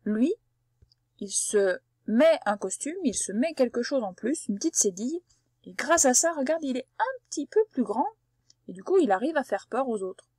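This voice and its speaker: A woman's voice: fairly high pitch, lively intonation, moderate pace, a little mellow, breathy edge, no room sound. A woman teaching a reading lesson to young children, patiently sounding out words syllable by syllable and talking straight to the child. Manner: addresses the child directly as tu. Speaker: primary school teacher.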